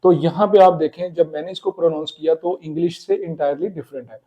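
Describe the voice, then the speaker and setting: A man explaining Chinese pronunciation in a casual spoken lesson, repeating words slowly. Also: a little high, fairly even intonation, mellow, lo-fi sound. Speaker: Chinese language teacher.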